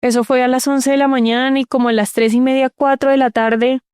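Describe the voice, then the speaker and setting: A woman's voice: high-pitched, flat delivery, fairly quick, a little mellow, clean tone, no echo, studio quality. A woman, telling her own story in an interview, earnest and repeating words for emphasis. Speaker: interview guest. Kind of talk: personal storytelling in conversation.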